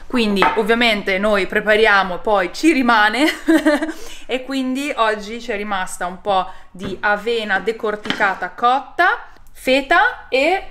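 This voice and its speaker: A young woman vlogging casually at home in her kitchen, chatty and animated, now and then dropping English phrases. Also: mid-range voice, a little hiss or hum. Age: young adult. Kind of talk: casual vlog chat. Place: home loft kitchen, indoors.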